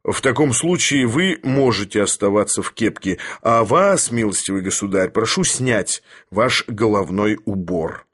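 A man voicing a haughty older professor who speaks in an imperious, lecturing, deliberate manner. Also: mid-range voice, very animated, breathy edge. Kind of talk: audiobook character voice.

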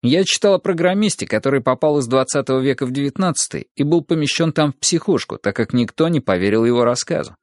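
A man reading an audiobook in lively first-person storytelling. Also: medium pitch, quick pace, hardly any pauses, dry recording, clean studio sound. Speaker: audiobook narrator.

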